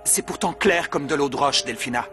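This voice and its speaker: A man's voice: a little high, a little fast, over music, natural voice. An actor dubbing a torn young man in a French telenovela dub, pleading and hurt.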